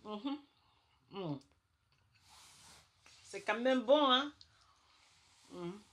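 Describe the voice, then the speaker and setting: A woman's voice: a little high, animated, drawn-out words, heavy background noise. A woman doing a chatty comic rant to camera. She is emphatic, repeats herself for effect and tags her sentences with little asides. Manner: emphatic, chatty, peppered with "hein" and "quoi". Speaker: comic monologue persona.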